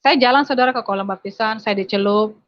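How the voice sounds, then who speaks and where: A woman's voice: mid-range voice, quick pace. A woman giving a personal conversion testimony, telling her story dramatically and speaking straight to her listeners. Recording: dry, slightly dull recording.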